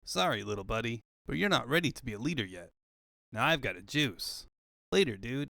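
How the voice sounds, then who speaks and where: A man's voice: medium pitch, expressive, a little fast, creaky, sharp tone, no room sound, studio quality. A man voicing a cocky, laid-back young cartoon hedgehog hero who talks in breezy slang. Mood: casual, brushing off. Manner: breezy surfer-dude slang.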